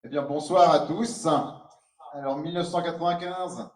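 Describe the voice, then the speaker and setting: A man giving a halting welcome speech as co-president of a tournament. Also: on the high side, fairly even intonation. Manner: slow, halting, many fillers. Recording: echoey hall from far off, faint noise.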